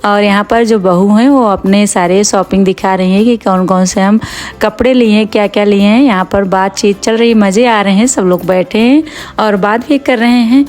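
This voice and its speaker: A woman's voice: mid-range voice, normal speed, a little mellow. A middle-aged woman vlogger narrating her day in a casual, chatty way, addressing viewers as friends. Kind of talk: casual vlog narration over home footage.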